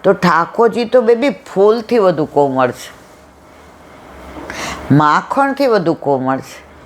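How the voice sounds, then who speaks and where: A woman's voice: fairly low pitch, takes it slowly. Woman, devotional satsang storyteller, acts out dialogue, slight background noise. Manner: lively storyteller acting out dialogue. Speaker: satsang speaker.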